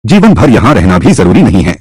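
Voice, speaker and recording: An actor dubbing a period drama, playing a calm adult male royal who speaks low and reassuringly to a frightened prince. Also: fairly quick, husky, no room sound, heavily acted. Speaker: dub actor. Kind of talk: dubbed period drama dialogue.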